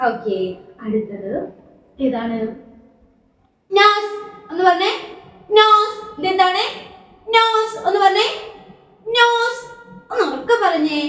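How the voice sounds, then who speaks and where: A woman teacher leads small children through call-and-response. She speaks very slowly in a very high, lively, sing-song voice. She sounds a little away from the mic in a very echoey room. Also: distant mic. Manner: slow, sing-song, pitch jumps up on each prompted word. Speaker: kindergarten teacher.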